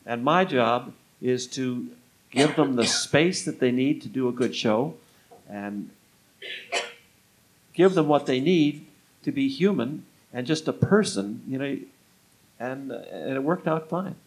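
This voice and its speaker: An interview guest who once booked acts for a music club, the older man drifts through anecdotes and slips into quoted speech. His medium-pitched voice is expressive, unhurried and slightly rough. The audio is poor.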